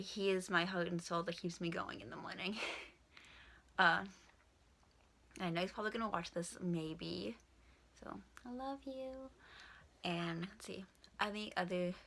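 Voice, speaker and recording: Young woman vlogging, kinda low but bright voice, says w instead of r, chatty and frank. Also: steady tone, normal speed, gravelly. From Washington State, USA. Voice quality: speech impediment, says w for r. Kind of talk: casual question-and-answer vlog to camera.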